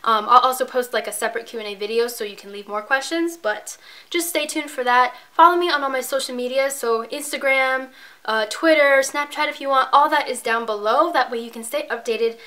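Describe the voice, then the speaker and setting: Bright, bubbly young woman vlogging. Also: high-pitched, fairly quick. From Tampa, Florida. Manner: gushing, bubbly, repeats "obsessed" and "like". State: out of breath and tired. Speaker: beauty YouTuber. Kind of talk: casual vlog chat to camera.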